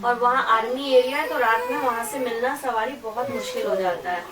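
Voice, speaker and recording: A woman's voice: fairly high pitch, a little fast. A middle-aged woman giving a testimony to a congregation, telling a story and quoting what others said. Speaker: church member giving testimony. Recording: echoey room from far off, noisy.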